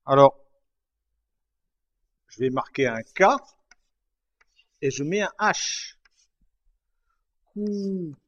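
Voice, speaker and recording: Slow, patient man teaching a lesson. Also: medium pitch, lively intonation. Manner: patient, repeats and checks understanding. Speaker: language teacher. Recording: dull lo-fi recording.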